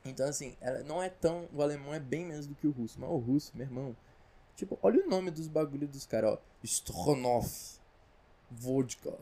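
A man's voice: on the high side, brisk, dark tone. A Brazilian man rambling through a comedic casual monologue, slangy and full of asides. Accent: Brazilian Portuguese. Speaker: vlogger.

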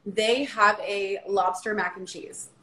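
A woman's voice: mid-range voice, fairly even intonation, slow, a bit bright, reverberant, low-quality recording. A woman in her thirties, a podcast guest, talking in an easygoing, chatty way. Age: 30s. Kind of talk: casual chat.

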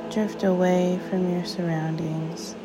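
A woman guides a sleep meditation like a sleep story narrator, soothing and unhurried, with long pauses between short phrases. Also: lowish voice, flat delivery, poor audio. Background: music.

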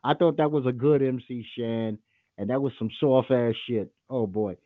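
A man's voice: mid-range voice, moderate pace, no echo, narrow, tinny audio. A man hosting a call-in show, talking in a blunt, profane and opinionated way. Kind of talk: casual call-in radio talk.

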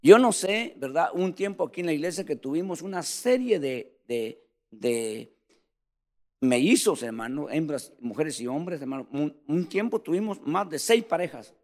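At a moderate pace and fairly high pitch, a man gives an animated church sermon. He frequently refers to his hearers as "brother," alternating between booming and soft delivery.

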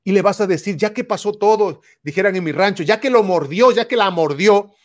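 A man's voice: high-pitched, fairly quick. A man giving a faith-based motivational talk, speaking straight to the listener with many repetitions. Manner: animated, addresses listener directly, many repetitions.

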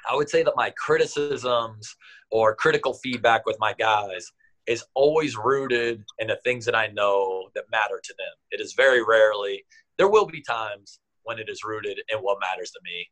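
A man's voice: lowish voice, moderate pace, poor audio. A man in his thirties, an athletic trainer, telling stories in a casual interview, acting out what people said. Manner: animated, acts out quotes with raised voice.

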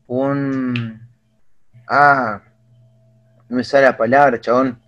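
A young man with an Argentine accent, chatting casually and retelling scenes with excitement and slang. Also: medium pitch, takes it slowly, lo-fi sound. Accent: Argentine Spanish. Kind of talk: casual chat.

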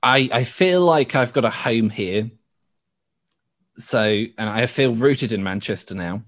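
English man, guest on a talk podcast, halting and searching as he explains. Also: mid-range voice, fairly bright tone. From West Midlands, England. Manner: halting, with frequent restarts and laughs. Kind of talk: thoughtful conversational interview.

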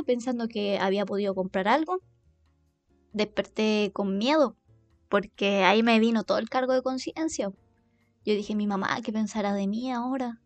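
A woman's voice: medium pitch, dry recording. Young chilean girl rambling about her own dumb choices, lots of slang, faint music behind. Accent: Chilean Spanish. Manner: chatty, self-mocking, heavy slang, quick laughs. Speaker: podcast host. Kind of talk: casual storytelling monologue.

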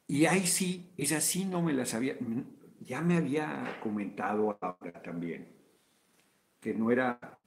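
A man's voice: medium pitch, creaky, darkish tone. A Mexican man hosting a casual video chat, rambling through political commentary with informal, profane asides.

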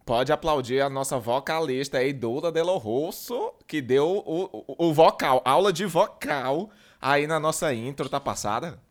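A man's voice: on the high side, animated, measured pace. A man hosting a podcast in casual chat, playful and peppered with camp slang. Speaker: podcast host.

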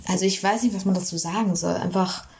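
A woman's voice: fairly low pitch, fairly even intonation, fast talker, crowd noise. A young woman in casual chat, rambling and laughing often, recorded on a phone. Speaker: co-host of a question game. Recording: phone recording with faint noise.

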